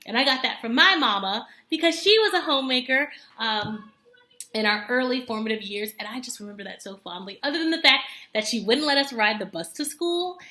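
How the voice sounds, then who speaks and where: Animated and a little fast, this woman in her thirties vlogs about homemaking straight to camera, her high voice sharp in tone. She's earnest and talkative, often filling pauses and fixing her own words, in a room that echoes.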